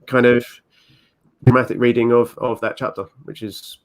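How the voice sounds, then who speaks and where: A man's voice: medium pitch, level tone, normal speed, a little mellow. A man chatting as a guest on a show, with many ums and restarts as he explains his plans. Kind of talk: casual chat.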